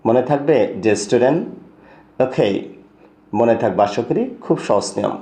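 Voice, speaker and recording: A man with a Bengali accent teaching English pronunciation in a video lesson, reading lines slowly for students to repeat. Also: mid-range voice, lively intonation, warm tone, echoey room. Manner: slow, drawn-out model reading of English lines, quick explanations in between.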